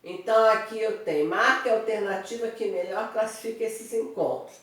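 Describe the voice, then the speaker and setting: A woman's voice: medium pitch, fairly quick, fairly bright tone. A woman teaching Portuguese grammar in an online review lesson, explaining step by step and checking in with her students. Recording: very echoey room, voice from a distance.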